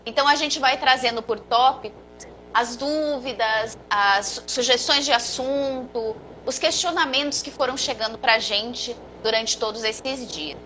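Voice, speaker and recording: A woman's voice: fairly high pitch, unhurried, bright, forceful tone, a little hiss or hum, low-quality recording. A woman therapist hosting a live video interview, welcoming her guest and presenting the show's questions. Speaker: therapist and live-show host.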